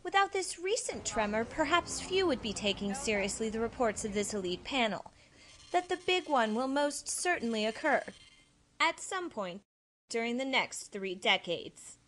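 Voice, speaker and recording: A woman's voice: fairly high pitch, big pitch swings, moderate pace, fairly bright tone. A woman playing an earnest parody news anchor and reporter, narrating with mock-serious drama. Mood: earnest dramatic.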